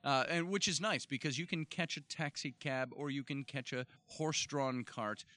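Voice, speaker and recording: A man's voice: medium pitch, moderate pace, sharp tone. A man hosting a casual travel podcast, telling stories in a playful, mock-formal way from a hotel room. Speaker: tour host.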